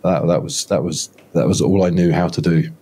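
A fifty-ish man guesting on a casual podcast tells his story in a rambling, self-deprecating way, restarting often. His voice sits low with a steady tone, mellow and husky, and he talks a little fast. He's in a home studio, on a video call through a close studio mic with headphones.

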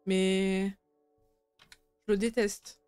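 A young adult woman streams a horror game from a room at home, her medium-pitched voice clean, darkish, and fairly flat, with drawn-out words. She's jumpy, grumbles to herself, and swears freely through casual let's play commentary, while game music and rain sound in the background.

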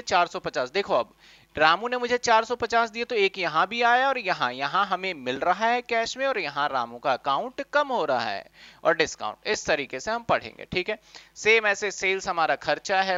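A man giving a classroom lecture on accounting, animated, asking questions and answering them himself. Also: high-pitched, no echo, lo-fi sound. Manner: speaks as the accounts in first person. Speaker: commerce teacher.

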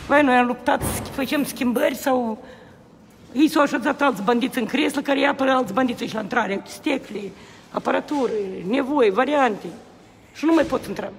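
A man's voice: very high voice, slight background noise. A man, filming on a phone at a government building entrance and repeating his complaints with indignation. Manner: indignant, repetitive, exclaiming. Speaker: protesting citizen filming. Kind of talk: heated complaint to camera. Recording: echoey hall, faint ambience.

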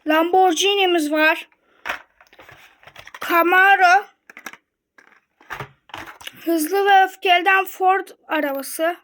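A young woman talks casually and excitedly to her viewers. She unboxes toy cars and fills the talk with quick reactions and comments. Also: very high-pitched, slight background noise. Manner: chatty and excited, addresses viewers directly.

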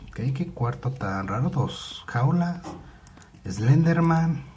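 A man's voice: medium pitch, expressive, slow pace, darkish tone, slight background noise. A young man with a Mexican Spanish accent giving nervous let's play commentary on a horror game, muttering to himself and repeating words when he gets scared. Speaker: gaming YouTuber.

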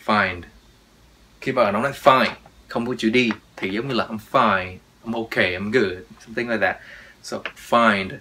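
Guy teaching english pronunciation, drills words over and over, bright lowish voice. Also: measured pace, slight background noise. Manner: drills words, repeats them with emphasis. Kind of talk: pronunciation lesson.

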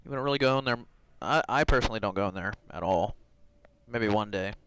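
A man chats casually on a live stream, wandering through his thoughts with fillers and little laughs. His voice is a touch low and very smooth, picked up close on a headset. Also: fast, a bit bright, no room sound, rough recording. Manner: rambling, with frequent fillers and chuckles.

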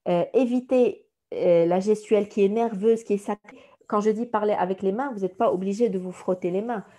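A woman's voice: mid-range voice, fairly quick, warm tone. A woman with a Moroccan French accent teaching an online career workshop, counting off points one by one. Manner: didactic, enumerating points, acts out recruiter lines.

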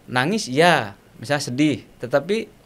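A man, explaining ideas as an interview guest, animated and often searching for words with fillers. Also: fairly high pitch, measured pace. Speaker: guest speaker.

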